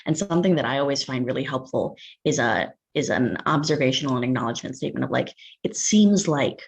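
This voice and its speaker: A woman taking part in an online workshop over a video call, sharing her experience in a hesitant, halting way. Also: extremely low pitch, gravelly. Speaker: workshop participant.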